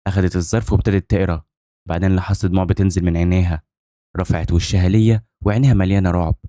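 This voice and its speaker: A man's voice: sits low, steady tone, rapid-fire, mellow, no echo, studio quality. A man with an Egyptian accent narrating a dramatic first-person story, intense and brooding. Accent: Egyptian Arabic.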